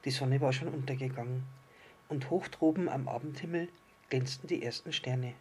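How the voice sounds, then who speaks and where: A man narrating a children's story softly and gently. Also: mid-range voice, normal speed, slight background noise.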